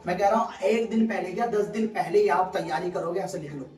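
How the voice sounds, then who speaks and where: A man preaching with an emphatic, high voice, drawing replies from his listeners. He sounds set back from the mic in an echoey hall. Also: brisk, a little mellow. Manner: emphatic, calls for responses from the congregation. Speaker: pastor. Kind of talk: sermon. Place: prayer meeting hall. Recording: echoey room, voice from far off.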